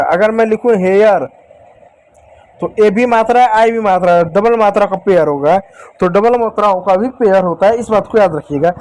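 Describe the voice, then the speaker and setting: A man with a fairly high voice teaches a beginner lesson to children. He talks to them directly and repeats each rule. He draws out individual letter sounds slowly so they can follow. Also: darkish tone. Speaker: English teacher. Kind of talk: classroom-style lesson.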